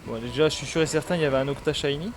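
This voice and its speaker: A man's voice: a little high, rapid-fire, background noise. A man chatting casually on a gaming stream, rambling with lots of fillers.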